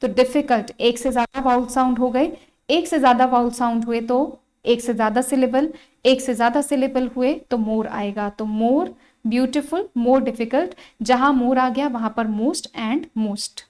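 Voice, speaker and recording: Woman, Indian accent, online grammar teacher, fairly high voice, drawn-out spelling of words, repeats herself. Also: a little mellow, low-quality recording. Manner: spells out words slowly, repeats key phrases. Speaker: English teacher. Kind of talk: online exam-prep grammar lesson.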